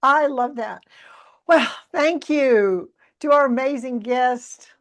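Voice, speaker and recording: A woman with a voice a little on the high side hosts a conversational interview. She is effusive and affirming as she responds to her guest. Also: slow. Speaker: podcast host.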